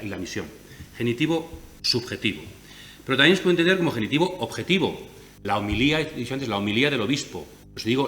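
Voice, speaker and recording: A man from Spain with a Castilian accent giving a conference lecture, explaining his points step by step with frequent rhetorical "¿no?" tags. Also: a bit bright. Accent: Castilian Spanish. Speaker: lecturer on biblical theology. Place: conference hall. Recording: echoey hall with faint rumble.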